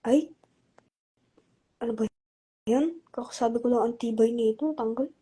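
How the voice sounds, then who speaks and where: A woman's voice: on the high side, moderate pace, warm tone, husky. A woman chatting casually with her viewers during a livestream, playful and teasing, sometimes cooing baby talk to her pet. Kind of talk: casual live-stream chat.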